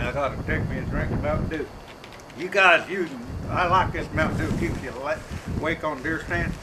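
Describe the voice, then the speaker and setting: A middle-aged man hosting a comedic hunting show, talking in a rambling, deadpan, folksy rural drawl outdoors. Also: a little high. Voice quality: slightly hoarse. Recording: outdoor wind and noise on mic.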